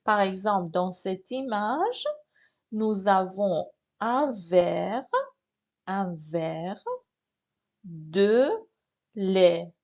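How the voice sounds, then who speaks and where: Woman teaching real slow, gravelly voice, dull lo-fi sound. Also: mid-range voice, darkish tone. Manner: slow, patient, repeats words and asks learners to answer. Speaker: French teacher. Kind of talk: classroom lesson. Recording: dull lo-fi recording.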